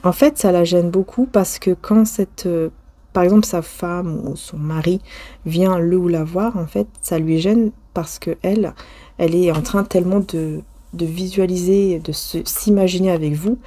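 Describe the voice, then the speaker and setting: Female tarot reader, mellow lower voice, halting and intimate delivery. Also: no echo. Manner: hesitant, restarts often, many fillers; addresses viewer directly, intimate. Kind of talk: casual spoken tarot reading.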